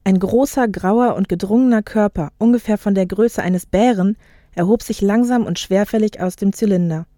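Woman narrator, steady literary reading, mellow timbre, dry close mic. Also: mid-range voice, no room sound. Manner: steady, measured storytelling. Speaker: guest and reader.

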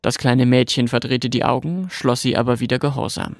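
Narrator reading a storybook, calm and even, gravelly, dry close sound. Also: male voice, medium pitch, a little fast, dry recording.

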